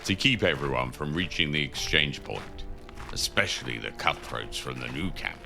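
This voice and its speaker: A man playing a seasoned, cynical prison inmate in an audio drama, gravelly and matter-of-fact as he advises a newcomer. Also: extremely low pitch, lively intonation, normal speed, exaggerated voice. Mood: matter-of-fact, wry. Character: gruff, seasoned male convict guiding a newcomer, worldly and cynical. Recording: music under the voice.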